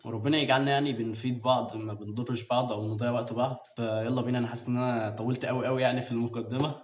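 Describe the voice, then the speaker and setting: A young Egyptian man rattles on at a very quick pace in a casual, filler-heavy vlog. His voice comes through an earbud mic that sounds dull and a little roomy. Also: mid-range voice, level tone. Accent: Egyptian Arabic. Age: young adult. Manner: rambling, filler-heavy, chatty. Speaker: vlogger. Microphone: new earbuds.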